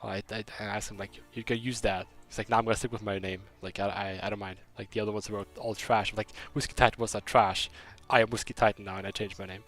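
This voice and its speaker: A man's voice: fairly low pitch, level tone, fast, few pauses, a bit bright, faint music behind. A young man from Germany with a slight German accent, chatting casually on a game stream and rambling through a story with many restarts. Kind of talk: casual stream chat, reading chat.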